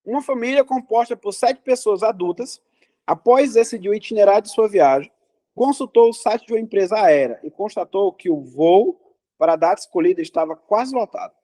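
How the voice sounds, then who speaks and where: A man's voice: high voice, animated, fairly quick, dark tone. A man teaching a math class in a classroom, talking students through problems and asking them questions.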